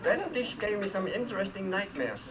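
Speaking in a high, expressive voice at a brisk clip, this older man from Denmark has a Danish accent and entertains a live hall audience with a humorous luncheon talk. His after-dinner storytelling is wry and dry, peppered with comic asides. The recording comes from a distant mic, and background noise is clearly present.

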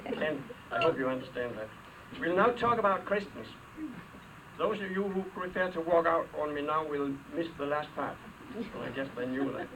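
Older Danish-accented man, after-dinner humorist, wry and dry, a bit high, heard from a distance with noise. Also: lively intonation, normal speed. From Denmark. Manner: dry, wry storytelling with comic asides. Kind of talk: humorous luncheon speech. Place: hall with a live audience. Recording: distant mic, clear background noise.

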